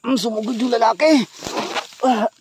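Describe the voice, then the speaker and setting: A man's voice: very high-pitched, normal speed, background noise. A man with a Filipino accent hosting a ghost-hunting vlog, startled and shaky as he talks straight to his viewers. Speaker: ghost hunter vlogger. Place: outdoors at night in rural brush. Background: crickets chirping.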